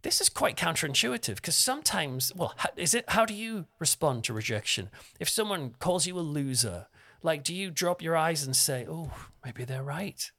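A man's voice: on the high side, sing-song, normal speed, pushed and bright. A young man giving a conversational, self-deprecating devotional talk as a preacher. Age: young adult.

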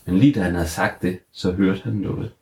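Man, deep voice, playful improvised kids' story narration, faint background noise. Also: steady tone, a little mellow, roomy sound. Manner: playful, laughing asides.

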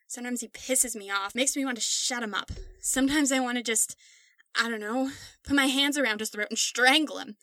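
A woman's voice: on the high side, fairly quick, sharp tone, no room sound. A woman voicing a distraught young man who speaks in a subdued, matter-of-fact way in a storybook reading. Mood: brooding.

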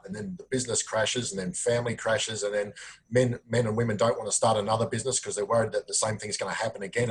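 A man with a low-pitched Australian voice answers interview questions in an earnest, plain-spoken way. He pauses often on ums as he explains himself. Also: poor audio. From South Australia. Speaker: podcast guest. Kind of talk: conversational interview.

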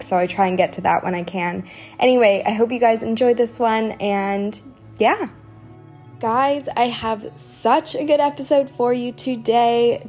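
A woman's voice: mid-range voice, a little mellow. Chatty woman podcaster with music behind. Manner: chatty, informal, emphatic repetition of words. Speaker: podcast host and teacher. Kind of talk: casual solo podcast talk.

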